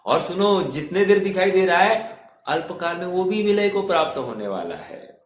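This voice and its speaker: A man's voice: high-pitched, sing-song, moderate pace. A man teaching a religious scripture, often asking the listeners questions and chanting verses. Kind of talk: scripture discourse. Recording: echoey room, faint ambience.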